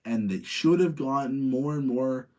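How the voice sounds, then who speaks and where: A little slow and mellow, his mid-range voice carries casual livestream chatter about movies. The host rambles with strong opinions, restating his points for emphasis.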